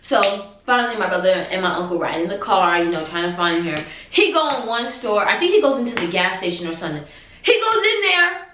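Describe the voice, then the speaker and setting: A young woman vlogger telling a storytime tale in an animated, dramatic, exasperated way. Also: medium pitch, fairly quick. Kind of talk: storytime vlog. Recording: echoey room.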